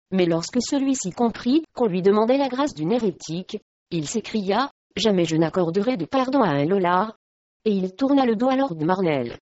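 A woman narrating a historical storybook in a steady, measured way, in a dull lo-fi recording. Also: mid-range voice, no echo.

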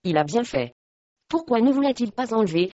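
A woman's voice: a little high, lively intonation, a little fast, warm tone, no room sound, lightly acted. A woman reading the part of a stern, angry medieval lord who questions his wife harshly, in a slightly dull recording.

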